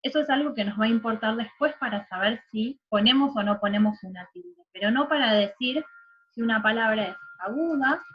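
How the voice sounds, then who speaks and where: A woman's voice: fairly high pitch, fairly quick, lo-fi sound. A woman teacher, giving a recorded online lesson, patiently explaining and checking understanding with little tag questions.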